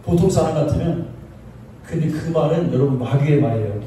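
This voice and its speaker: A man's voice: on the high side, fairly quick, mellow. A man preaching a conversational sermon as a pastor, often calling out to his congregation and acting out the voices of the people in his story. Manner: calls out to the congregation, acts out quoted voices. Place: church sanctuary. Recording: echoey church from far off, faint noise.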